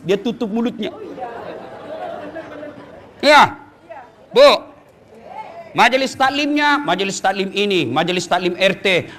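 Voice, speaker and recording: A middle-aged man giving a humorous sermon to a women's study group, playfully mimicking wives and husbands between loud punchlines and low asides. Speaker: preacher.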